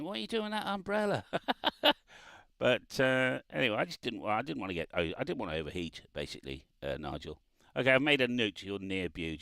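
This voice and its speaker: A man's voice: fairly low pitch, bright, forceful tone, no echo. A man chatting on amateur radio, laughing often and spelling out call signs. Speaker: ham radio operator. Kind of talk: casual radio chat. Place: parked car by the road, remote radio.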